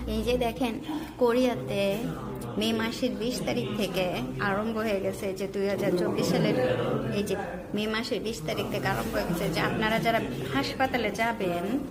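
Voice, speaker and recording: A woman's voice: mid-range voice, steady tone, normal speed, over loud music. A woman from Bangladesh talking to her viewers in a casual vlog, explaining things and advising them directly. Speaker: vlogger.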